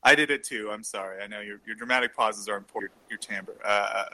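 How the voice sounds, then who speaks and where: A man hosting a call-in discussion, handing the floor over briskly and apologizing for interrupting. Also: lowish voice, pushed and bright, dry recording, rough recording. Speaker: host.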